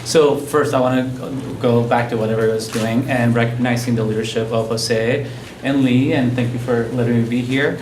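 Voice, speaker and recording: A man speaks on a panel and opens with thanks in a measured, appreciative tone. The sound is reverberant, with clear noise in the room. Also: mid-range voice, steady tone. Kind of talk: panel discussion remarks. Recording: echoey hall with audible noise.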